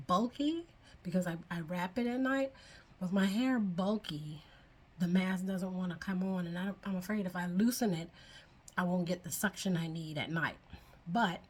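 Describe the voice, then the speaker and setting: A woman's voice: on the low side, a little mellow, husky. Chatty older woman vlogging to camera. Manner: chatty and earnest, retells her own past thoughts aloud. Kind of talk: casual talking-to-camera vlog.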